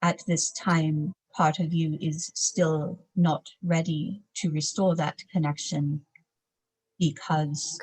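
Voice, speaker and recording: Slow, low-voiced woman channeling like a medium. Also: level tone, darkish tone, low-quality recording. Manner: seance-medium delivery, measured, formal, solemn phrasing. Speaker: trance channeler, seance medium. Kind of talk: trance channeling, speaking as a spirit guide to a client.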